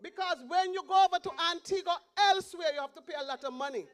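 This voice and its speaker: A woman's voice: very high voice, fast talker. A woman with a Montserrat accent giving an impassioned, pleading rally speech as a political candidate, repeating her slogans.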